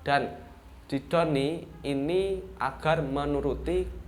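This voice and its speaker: A man's voice: a little high, a little hiss or hum. A man teaching young pupils an online lesson, speaking with a Javanese-influenced Indonesian accent, explaining step by step with frequent checking words and acting out example commands. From East Java, Indonesia. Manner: explains slowly with repeated "ya" and "nah" checks; demonstrates example sentences with raised intonation. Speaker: primary school teacher.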